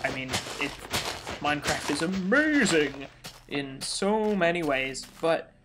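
A young man hosting a let's play, excitable and rambling, jittery from coffee and breaking into sudden high squeals. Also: slow. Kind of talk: casual gameplay commentary. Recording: game music playing loudly behind. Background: video game music.

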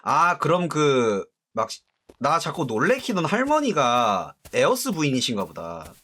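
Joking man with a lively voice. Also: fairly high pitch, unhurried. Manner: jokey, chatty, talks to the game. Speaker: game streamer. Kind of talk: casual gameplay commentary.

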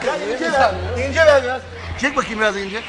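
A man's voice: very high voice, brisk. A man hosting a talk show with casual comic banter, coaxing guests with short, repeated instructions. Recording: loud studio crowd and music behind. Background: loud music and studio crowd.

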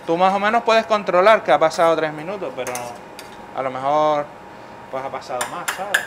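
A fairly quick, fairly high-pitched man, a middle-aged chef, guides his listener through a dish in a busy professional kitchen where the background is noisy. He explains every step of the demonstration and keeps checking understanding with "vale."

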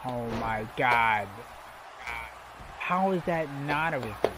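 A man co-hosting a casual let's-play, swearing loudly and chanting mock entrance music at the screen. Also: mid-range voice, expressive, slow. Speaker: gaming co-host. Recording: noisy game-audio background.

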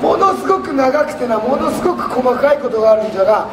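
A man's voice: very high voice, big pitch swings, quick pace. A man playing a jovial, folksy samurai warlord on stage, speaking theatrically in archaic lordly Japanese turns of phrase with a Nagoya accent. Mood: jovial, grand. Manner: theatrical, archaic lordly speech, projecting to audience. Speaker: costumed history performer and host. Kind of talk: live stage history lesson in samurai character. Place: large public indoor event stage. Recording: echoey noisy hall, crowd, far off.

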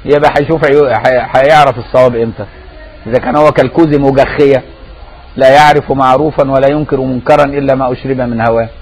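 Here the Sufi scholar's Egyptian-accented voice sits at medium pitch, steady in tone and quick in pace, with a breathy edge. He keeps the religious lesson conversational, repeatedly testing his audience's grasp through rhetorical questions, and the recording is rough.

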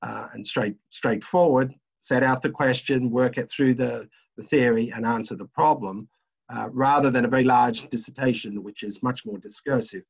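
An older Australian university lecturer gives a webinar presentation from his home office over a video call, hesitating with many fillers. His mid-range voice is creaky and slightly rough at a moderate pace, and the lo-fi call audio sounds dull.

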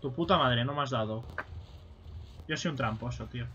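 A man giving casual let's-play commentary, swearing and yelling at enemies as he plays. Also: medium pitch, moderate pace, a little hiss or hum. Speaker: gaming streamer. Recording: slightly dull stream audio with game music.

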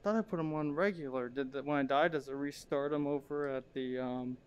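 A man's voice: medium pitch, brisk, clear, resonant tone, lo-fi sound. A man giving casual, profane commentary to himself while playing a shooter game. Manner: profane, excitable, talks to himself.

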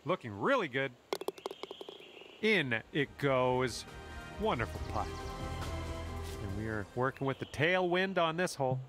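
A man commentating on golf shots, calm and encouraging, speaking straight to the player. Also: mid-range voice, measured pace, long pauses, music in the background. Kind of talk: sports commentary.

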